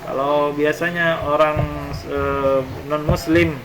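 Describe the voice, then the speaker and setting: A man's voice: a little high, steady tone, takes it slowly. A man teaching an Arabic lesson in Indonesian. He reads Arabic phrases aloud, then translates and explains them step by step. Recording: faint background noise.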